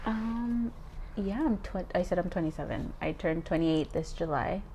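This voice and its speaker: A young woman in her twenties with a somewhat low voice chats easily as a podcast co-host. She laughs often and fills her pauses with "um" and "like." A faint hiss sits under the recording. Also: warm tone, muffled recording. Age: 20s. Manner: giggly, chatty, frequent "um" and "like". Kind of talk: casual chat.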